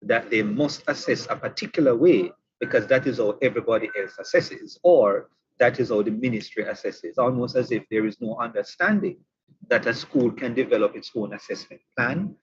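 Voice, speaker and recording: Speaking in a mid-range voice over lo-fi audio with slight background noise, a man from Jamaica runs a webinar for teachers. This online professional development host is chatty and teasing, and he tends to repeat his points.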